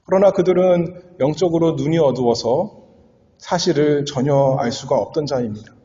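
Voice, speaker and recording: This man preaches an expository sermon in an earnest manner, his mellow, rather high voice moving at a moderate pace and swelling and dropping for emphasis. It was captured in an echoey hall with dull lo-fi sound.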